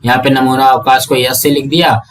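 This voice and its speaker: A man's voice: mid-range voice, little pitch movement, a little fast, far from the mic. A man with an Indian Hindi accent teaching a math lesson, asking the class rhetorical questions and counting through items one by one. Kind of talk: classroom lesson explaining worked examples.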